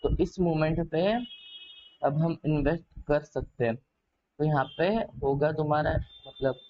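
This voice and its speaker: Man, casual explainer, hesitant, lots of filler words, slightly raised pitch, muffled lo-fi sound. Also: fairly even intonation, a little slow. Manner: hesitant, heavy on filler words, addresses viewer directly. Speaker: trading learner sharing notes.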